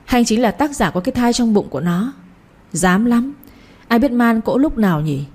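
A woman's voice: animated, brisk, warm tone, natural voice. A woman voicing a jealous, quarrelsome young wife who accuses her husband in a read-aloud story. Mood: furious. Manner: shrill, accusing.

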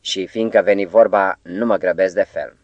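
A man voicing a calm, courteous and knowing foreign professor in an audiobook, speaking in a smooth, politely persuasive way. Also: sits low, dry recording, highs cut off, natural voice.

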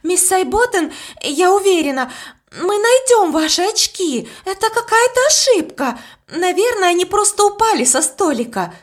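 A woman voicing an eager, loyal little girl who pleads excitedly. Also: very high voice, normal speed, pitched above the performer's own voice. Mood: pleading, eager.

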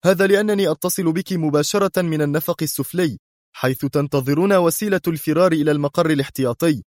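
A man's voice: sits high, moderate pace, a little mellow, dry recording, studio quality, voice pushed up. Man doing a stern hidden mastermind. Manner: harsh, stern and curt. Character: cold, hidden male mastermind villain. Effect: altered mechanical-sounding voice.

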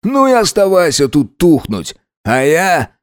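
A man putting on a shrill drunk boyfriend. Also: normal speed, no room sound, studio quality, natural voice. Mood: sneering. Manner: mocking, shrill, aggressive. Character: drunk spiteful young man, cheating boyfriend.

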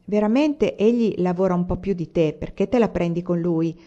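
A woman's voice: lowish voice, normal speed, dark tone, lo-fi sound, natural voice. A woman reading aloud, voicing a grumpy old man who curses and sneers at the young. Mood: cursing. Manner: gruff, cursing and sneering. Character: grumpy old male vegetable grower, cursing.

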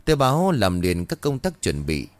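A man narrates a ghost story in an animated way. His voice is lowish with lively swings in pitch, recorded dry and close. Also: moderate pace, no room sound.

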